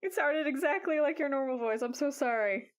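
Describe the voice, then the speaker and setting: A woman's voice: high-pitched, expressive, slight background noise. A woman running a tabletop game as game master, talking unhurriedly with lots of fillers. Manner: unhurried, full of fillers and laughs.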